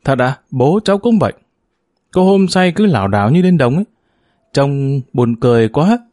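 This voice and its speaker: A man voicing a lively, cheerful young village woman with a clear, ringing girlish tone and an eager, affectionate way of talking. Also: mid-range voice, normal speed, no room sound, clean studio sound, lightly acted.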